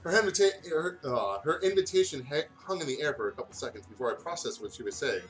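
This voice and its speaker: A gaming video host reads fan fiction aloud in a casual way, tripping over words and pausing for commentary. His voice is a little high, quick, and lively in intonation, set against background music.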